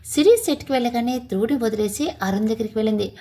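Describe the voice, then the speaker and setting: A woman reading a family romance story aloud in a steady storytelling manner. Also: fairly high pitch, fast talker. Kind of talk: read-aloud story narration.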